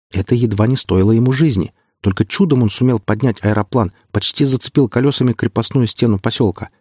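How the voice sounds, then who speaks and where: A man narrating an audiobook in a steady storytelling manner. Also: on the low side, breathy edge, dry recording, clean studio sound. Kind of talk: scripted narration.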